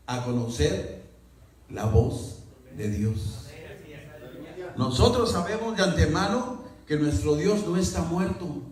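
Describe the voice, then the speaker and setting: A man's voice: high voice, darkish tone. Man preaching in a very echoey church. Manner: prayerful, slow and emphatic, acts out quoted voices. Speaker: pastor. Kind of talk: sermon. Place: church sanctuary. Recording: very echoey church hall from far off.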